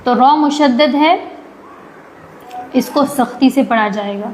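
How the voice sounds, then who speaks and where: In a live online tajweed class, a woman with a fairly high, darkish voice teaches Quran recitation. She stretches each recited word out slowly, then speeds up to explain it, often posing a question and answering it herself. The audio is poor, with a faint hiss running beneath the entire recording.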